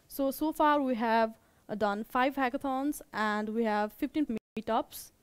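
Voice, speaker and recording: Haltingly, with plenty of repetition and rephrasing, a young woman with a Nepali accent gives an informal talk as the meetup's organizer. Her pitch is fairly high and her tone clean, with no room sound.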